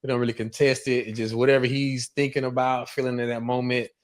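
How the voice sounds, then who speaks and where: A man co-hosting a casual book podcast, talking in a relaxed, slangy way and leading the chat between friends. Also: mid-range voice, fast talker. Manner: relaxed, laid-back, uses slang. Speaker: podcast co-host.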